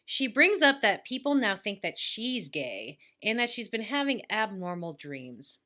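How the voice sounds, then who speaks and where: A woman's voice: medium pitch, sing-song, measured pace, sharp tone. A woman co-hosting a podcast, casually recapping a TV episode between frequent laughs. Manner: giggly, narrates plot recaps between laughs. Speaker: podcast co-host.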